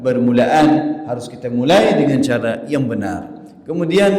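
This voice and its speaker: A man's voice: mid-range voice, warm tone. Guy teaching quran reading, explains patiently then chants the verses, roomy echo all over. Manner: slow, patient explaining that breaks into melodic chanting. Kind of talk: recitation lesson with chanted examples. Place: large hall at a religious gathering. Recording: echoey hall with long reverb.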